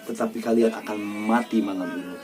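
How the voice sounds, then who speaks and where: A brave young warrior speaks with calm command in a fairly low voice, as a man reading a storybook puts him on. The lines come louder and firmer than the narration around them, with music playing in the background. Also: a little fast, close to an everyday voice.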